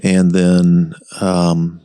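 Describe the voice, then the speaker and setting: A man hosting a podcast interview in casual chat, halting with frequent restarts. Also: low voice, completely flat delivery, mellow, smooth, dry recording. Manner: halting, with many restarts and "you know". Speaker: podcast host.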